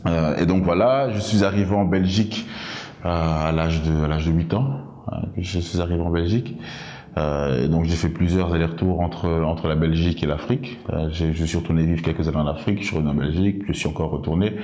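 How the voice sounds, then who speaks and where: A man in his thirties from Congo with a very low, mellow voice. He answers slowly and haltingly, stopping often to restart his sentences. The room around him sounds echoey. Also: steady tone, highs cut off. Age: 30s. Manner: halting, many fillers and restarts. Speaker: interview guest, local politician. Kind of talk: hesitant interview answers.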